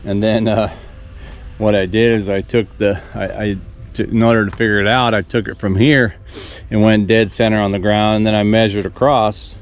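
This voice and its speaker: Rambling low-voiced man in his sixties. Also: moderate pace, faint music behind. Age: 60s. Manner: rambling, relaxed, many restarts. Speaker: farm vlogger. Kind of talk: casual thinking-aloud build vlog. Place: outdoor construction site on a farm.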